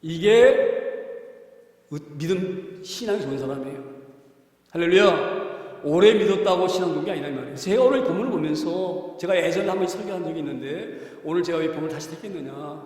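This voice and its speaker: A man's voice: on the high side, animated, a little fast, darkish tone. A male pastor preaching an emphatic sermon with frequent hallelujahs. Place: church sanctuary. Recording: echoey church hall from far off.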